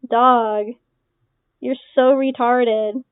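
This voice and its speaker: A young woman delivers casual reaction commentary in a sarcastic, dismissive way, cursing freely. She talks slowly in a fairly high voice. The sound is tinny and dry, like a phone line. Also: fairly even intonation, clean tone, dry recording. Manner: dismissive, sarcastic, swearing, laughing between remarks. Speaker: online creator responding to accusations.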